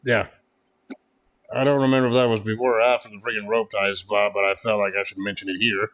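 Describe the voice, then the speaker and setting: A man's voice: lowish voice, little pitch movement, fast, a bit bright. A man casually reviewing a wrestling event, rambling with lots of fillers and frequent laughs. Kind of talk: casual podcast chat.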